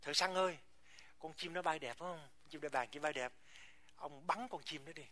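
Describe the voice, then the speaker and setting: A man puts on a jealous eagle from a preacher's fable, hushed and sly as it coaxes. The voice sits high and bright. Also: lively intonation, normal speed. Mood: sly coaxing.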